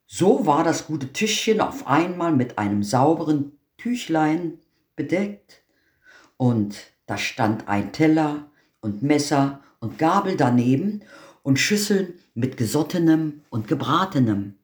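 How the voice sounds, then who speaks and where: A man reading a fairy tale aloud as narrator, in a slow, measured storytelling manner. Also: a little high, very animated. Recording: roomy echo.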